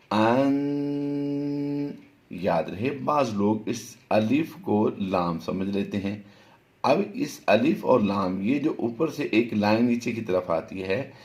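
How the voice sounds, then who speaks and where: A man teaching tajweed, spelling out letters slowly and then chanting the words in a drawn-out recitation. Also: on the low side, darkish tone. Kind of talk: tajweed lesson with recited examples.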